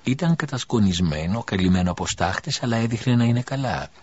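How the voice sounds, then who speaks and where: A man narrating an audiobook in a measured, solemn storytelling manner. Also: medium pitch, animated, darkish tone, slightly rough. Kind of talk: scripted narration. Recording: dull lo-fi recording.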